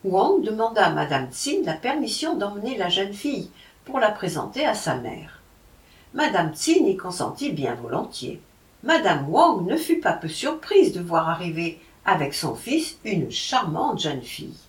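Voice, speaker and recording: Ask: a lively woman reading a tale, roomy. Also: medium pitch, measured pace. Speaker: narrator. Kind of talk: reading a folk tale aloud. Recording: roomy, from a distance.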